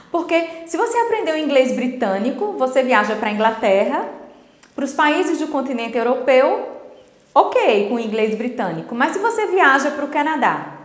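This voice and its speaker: A middle-aged woman, an English teacher, explaining a lesson in a didactic way and checking in with her students through quick tag questions. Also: high-pitched. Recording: roomy echo with long reverb.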